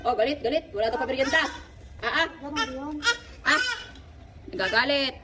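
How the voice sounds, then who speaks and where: A woman's voice: sits high, normal speed, very noisy. A woman filming a casual family vlog, talking to her toddler in coaxing baby talk, calling out and cooing.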